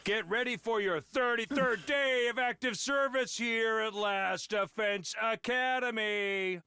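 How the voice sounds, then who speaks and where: Bright, pompous little mascot commander. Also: female voice, a little high, measured pace, clear, resonant tone, no room sound, studio quality. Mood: grandiose, commanding. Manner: pompous, grandiose, declamatory. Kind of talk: theatrical game announcement.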